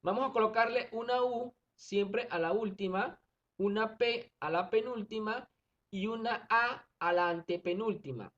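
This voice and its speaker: A man's voice: high-pitched, unhurried, a bit bright. Patient male teacher, dull lo-fi audio. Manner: patient step-by-step explaining, frequent checking tags. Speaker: primary school teacher. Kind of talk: recorded online grammar lesson. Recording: dull lo-fi recording.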